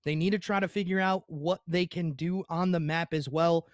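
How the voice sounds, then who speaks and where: A young esports caster gives play-by-play commentary on a match while chatting to his stream viewers, hiccuping and apologizing to chat for the bout. His voice is on the high side with fairly even intonation and normal speed, in a clean studio sound with no room sound.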